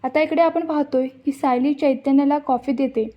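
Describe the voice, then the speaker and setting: A woman's voice: sits high, fairly even intonation, normal speed. A woman casually retelling an episode of a TV serial, unscripted and full of restarts. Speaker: narrator recapping a TV serial. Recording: dull lo-fi recording.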